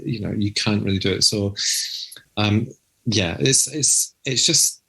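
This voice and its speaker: A man's voice: on the low side, unhurried, creaky, fairly bright tone, breathy edge. A man hosting a podcast in casual, teasing chat, with a cave-like echo on his voice. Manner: playful, teasing. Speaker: podcast host.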